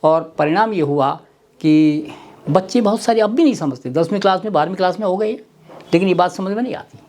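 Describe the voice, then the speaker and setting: A man giving a Hindi grammar lecture, deliberately repeating sounds and words to demonstrate their pronunciation. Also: high-pitched, darkish tone. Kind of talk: slow explanatory webinar lecture. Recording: faint background noise with clicks.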